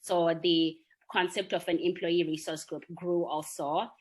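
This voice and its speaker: Earnest woman, slightly low voice. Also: fairly even intonation, measured pace, darkish tone, a little hiss or hum. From Zimbabwe. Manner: earnest, reflective, checks in with "right?". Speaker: marketer and employee network founder. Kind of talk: interview answer.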